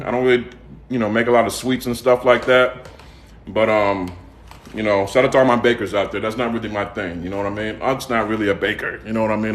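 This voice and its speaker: On his home cooking livestream, an Atlanta-raised man with a Southern accent, who cooks and sells seasoning, keeps things casual and folksy. His pitch is medium, he repeats points and adds tag questions like "okay?" and "all right?", and the room gives a clear echo.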